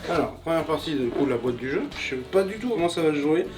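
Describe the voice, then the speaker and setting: A man's voice: a little high, animated, fast talker, far from the mic. A man co-hosting a casual chat, hesitant and full of fillers. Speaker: co-host.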